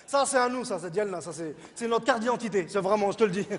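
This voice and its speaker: High-voiced man doing stand-up in a hall. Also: fairly quick. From Morocco. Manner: lively, switching between French and Moroccan Arabic phrases, acting out his parents. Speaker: stand-up comedian. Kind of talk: stand-up comedy performance. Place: large stage before a live audience. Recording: hall reverb with crowd laughter.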